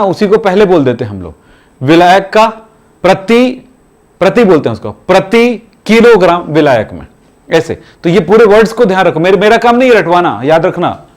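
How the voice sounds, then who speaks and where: Guy lecturing a chem class, high voice that bounces all over, keeps repeating himself to push the kids. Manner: exhorting, repetitive. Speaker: chemistry teacher.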